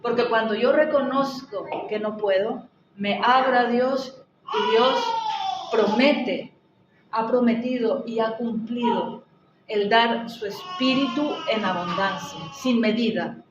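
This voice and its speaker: A woman's voice: on the high side, slow pace, echoey room, highs cut off, background noise. A woman preaching a sermon in an earnest, conversational way, often restarting her phrases as she speaks to the congregation. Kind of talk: church sermon. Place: church hall.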